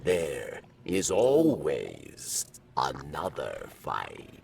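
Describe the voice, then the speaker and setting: A man voicing a solemn, cryptic alien sage in a video game, with halting, portentous delivery. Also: extremely low pitch, wildly swooping pitch, vocal fry, a little mellow, a little hiss or hum, heavily acted. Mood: solemn, foreboding. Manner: halting, portentous, third-person speech.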